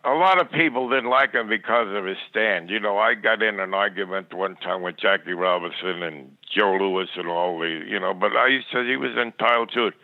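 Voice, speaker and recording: Speaking at a normal speed with few pauses in a lowish voice, an older podcast guest reminisces plainly and rambles, frequently stumbling and repeating words. He comes through a tinny, band-limited phone line, with no echo.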